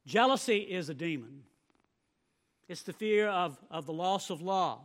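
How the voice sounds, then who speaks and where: A male pastor delivers his sermon in a high, ringing voice. He presses on key phrases and lets the loudness rise and fall, often repeating a word as he goes. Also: animated, a little slow. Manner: emphatic preaching with swelling volume and repeated words.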